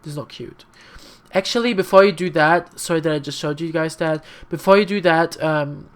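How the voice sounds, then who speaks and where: At a moderate pace and in a mid-range voice, this tutorial maker, a young adult whose first language isn't English, chats loosely through a screen recording, using lots of fillers, apologizing often, and dropping frank, slightly sassy remarks.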